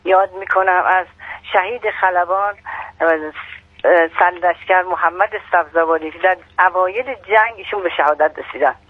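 A woman giving a phone-in report on local events, speaking haltingly with restarts and fillers. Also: fairly low pitch, narrow, tinny audio.

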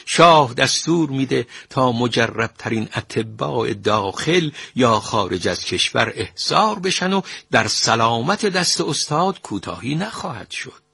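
A man voicing an anxious, flattering court minister who pleads and warns, husky and sharp. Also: mid-range voice, hardly any pauses, no echo, pitched above the performer's own voice, heavily acted. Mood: fawning.

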